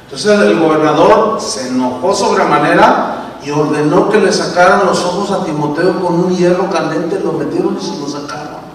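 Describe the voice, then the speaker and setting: A man's voice: a little high, normal speed, a little hiss or hum. A male pastor preaching a sermon, telling a story dramatically and speaking to the congregation. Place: church hall. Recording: echoey church hall from far off.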